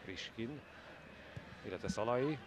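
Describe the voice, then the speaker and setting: A man's voice: mid-range voice, animated. A man giving Hungarian sports commentary as a football commentator. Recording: broadcast over loud stadium noise. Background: loud stadium noise.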